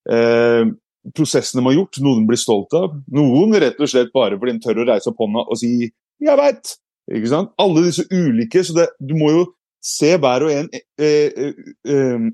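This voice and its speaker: A man's voice: mid-range voice, mellow, no echo, clean studio sound. A man giving a casual explanatory talk, reflective, with frequent hesitations and restarts. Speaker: speaker.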